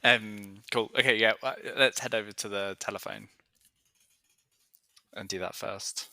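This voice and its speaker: Male tabletop player, bright voice, dry close sound, hesitant. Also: fairly low pitch, fairly even intonation, measured pace, creaky, dry recording. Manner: hesitant, lots of fillers, laughing asides. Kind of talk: casual tabletop game chat.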